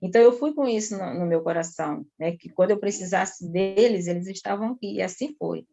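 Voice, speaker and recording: A talkative woman from São Luís, Brazil, giving an earnest personal testimony to a pastor at a slow, lingering pace. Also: mid-range voice, gravelly, dark tone.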